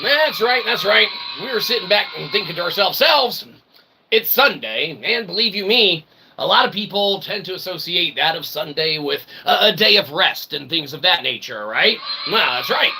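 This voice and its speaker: In a clearly noisy recording, a comedy show host with a high-pitched, sharp, animated voice talks at a moderate pace. He rambles to the audience like a theatrical showman, leaning on wordy mock-formal language and catchphrases he keeps repeating.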